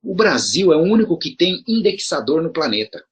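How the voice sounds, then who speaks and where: A man's voice: fairly high pitch, big pitch swings, brisk, breathy edge. A middle-aged man from Brazil explaining things to his audience in a casual monologue, asking rhetorical questions and restarting his sentences. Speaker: video commentator addressing promoters.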